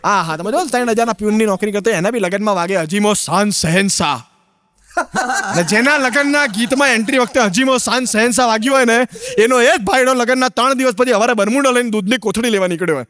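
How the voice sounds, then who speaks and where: Fast stand-up man, high voice, rapid-fire patter. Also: fairly bright tone, dry recording, big-room sound. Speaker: stand-up comedian. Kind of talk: stand-up storytelling.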